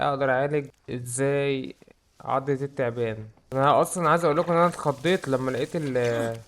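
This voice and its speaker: A young man with an Egyptian Arabic accent, giving excitable let's-play commentary and joking about how scared he is. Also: mid-range voice, slight background noise. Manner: excitable, jokes about his own fear. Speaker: gaming YouTuber.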